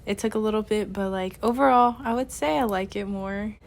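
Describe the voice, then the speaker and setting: A woman's voice: mid-range voice, a little fast, creaky. A young college woman answering casually, with lots of filler words. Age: young adult. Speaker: interviewee.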